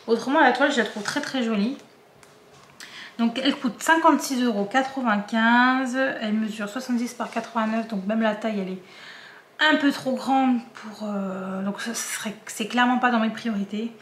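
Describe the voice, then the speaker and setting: A woman with a regional French accent chats to her viewers, her voice sitting a little high. She hesitates often, filling gaps and restarting sentences. The room gives back a clear echo, with a faint noise underneath. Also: normal speed. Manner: hesitant, many fillers and restarts. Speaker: diamond painting vlogger. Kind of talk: casual chat to viewers.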